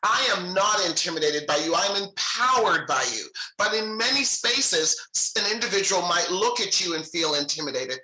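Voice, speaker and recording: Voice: medium pitch, animated, moderate pace, few pauses, bright, forceful tone. An interview host who affirms the guest and asks long, winding questions. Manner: affirming, rambling question asking. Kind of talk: interview conversation. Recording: echoey room.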